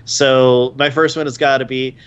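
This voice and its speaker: A man's voice: mid-range voice, level tone, normal speed, clear, resonant tone, highs cut off. A man co-hosting a podcast in casual chat, enthusiastic and gushing.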